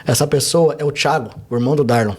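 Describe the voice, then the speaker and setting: Fast-talking fervent pastor, a man. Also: mid-range voice. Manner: fervent, fast storytelling with rhetorical questions. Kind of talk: testimony and exhortation in a podcast interview.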